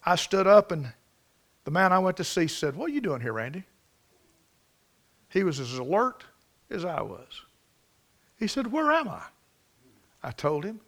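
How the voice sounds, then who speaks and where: Male preacher, high-pitched, fervent sermon storyteller. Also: big pitch swings, normal speed, long pauses. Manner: swings from hushed to loud and fervent.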